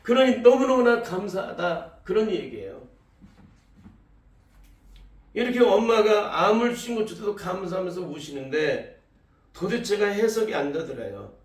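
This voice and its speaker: A man's voice: high-pitched, big pitch swings, unhurried, long pauses. A male pastor telling a testimony in a sermon, acting out the cries and words of the people in the story. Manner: tells a testimony, acting out quoted cries and speech. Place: church sanctuary. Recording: echoey hall, voice from far off the mic.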